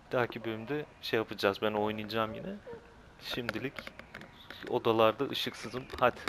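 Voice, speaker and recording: A young man commentating a horror game, nervous and exclaiming, talking back to the game. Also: fairly low pitch. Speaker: gameplay commentator. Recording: loud game music behind. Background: loud game music.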